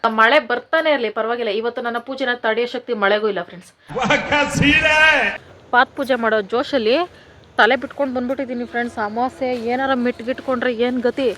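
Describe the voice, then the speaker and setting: A woman's voice: on the high side, steady tone, quick pace, fairly bright tone, slight background noise. Joking village woman vlogger, late twenties. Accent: rural Kannada, Kanakapura area. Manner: joking, addresses viewers as friends, coos at pets. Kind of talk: casual chat to viewers. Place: village home, indoors and outdoors.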